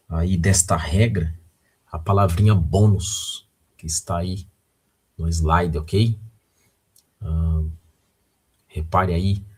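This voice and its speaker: A man's voice: sits low, a little mellow, husky. A man with a Brazilian Portuguese accent teaching a recorded video lesson, patient and often checking in with the viewer.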